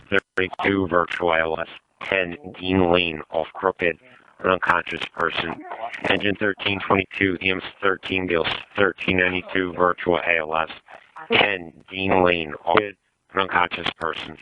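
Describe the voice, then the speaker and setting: A man's voice: low voice, flat delivery, moderate pace. A man reading out formulaic emergency dispatch announcements over the radio. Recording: dull radio with faint noise.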